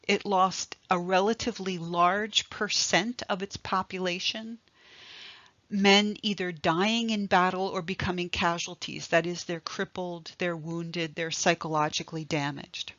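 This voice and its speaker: Slow, deliberate woman lecturer. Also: on the low side, fairly bright tone, no echo. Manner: slow, deliberate, emphatic explaining. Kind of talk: recorded history lecture. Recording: dry, slightly dull lo-fi recording.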